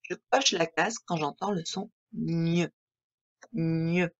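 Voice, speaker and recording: Patient French woman teaching children slowly. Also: fairly low pitch, highs cut off. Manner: slow, clear, patient, articulating each word. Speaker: primary school teacher. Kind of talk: remote reading lesson for young children.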